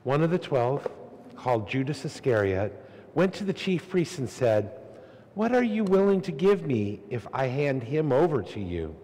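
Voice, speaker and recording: A man's voice: medium pitch, big pitch swings, normal speed, warm tone. A man solemnly reading the Gospel as a clergyman at Mass, his voice carrying a cathedral echo in a large church. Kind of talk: solemn liturgical scripture reading. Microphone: lectern microphone.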